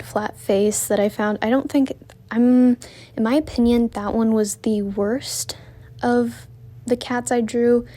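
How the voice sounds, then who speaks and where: A woman's voice: a little high, mellow. Breathless woman narrating art vlog. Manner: rambling, self-correcting, chatty. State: out of breath from walking. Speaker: art vlogger narrating her drawing process. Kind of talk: casual voice-over narration.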